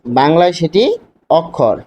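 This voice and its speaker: A man's voice: a little high, measured pace, dark tone. A man teaching a literature lesson in Bangladeshi Bengali, explaining step by step and asking rhetorical questions. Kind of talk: classroom lecture. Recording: dull lo-fi sound with faint hiss.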